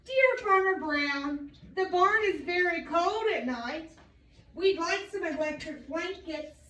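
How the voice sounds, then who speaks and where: Polite stubborn cows' letters, slow and even, lady reading, roomy echo. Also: very high-pitched, exaggerated voice. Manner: plain, measured letter reading. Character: polite, stubborn cows writing notes. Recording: echoey room, mic far off.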